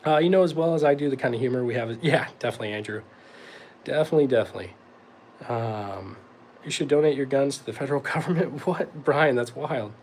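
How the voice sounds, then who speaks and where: A man's voice: mid-range voice, quick pace, darkish tone, a little hiss or hum. Young man from North Carolina, host of a laid-back live Q&A, rambly and easygoing, plenty of ums. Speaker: host answering live chat questions. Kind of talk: casual livestream Q&A.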